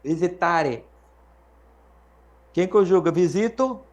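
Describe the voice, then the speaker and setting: A Latin teacher with a strikingly high voice and a Brazilian Portuguese accent runs a live classroom lesson, animated as he patiently quizzes students. He slows down to sound out each word for them to repeat, and the audio's high frequencies are cut off.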